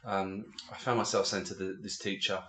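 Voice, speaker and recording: A man in his forties from England, co-hosting a podcast and telling stories in a casual, animated way with lots of fillers. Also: low-pitched, moderate pace, echoey room. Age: 40s. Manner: animated storytelling, many fillers and restarts. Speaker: podcast co-host. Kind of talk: casual chat.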